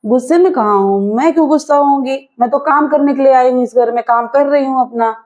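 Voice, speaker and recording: A woman's voice: sits high, fairly quick, darkish tone. A woman playing a sulky, sarcastic wife in a scripted family comedy skit. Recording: dull lo-fi home video sound.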